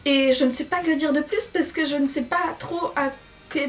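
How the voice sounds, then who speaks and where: Young female book vlogger, high bright voice, eager and chatty, mic a bit distant. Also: fairly even intonation, normal speed. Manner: chatty and enthusiastic, with frequent fillers. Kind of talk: casual book recommendations. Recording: voice a little off-mic, faint music behind.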